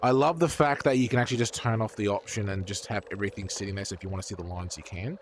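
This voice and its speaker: Excitable, foul-mouthed male streamer. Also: lowish voice, rapid-fire, a little hiss or hum. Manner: swears freely, excitable outbursts. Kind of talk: casual chat while painting.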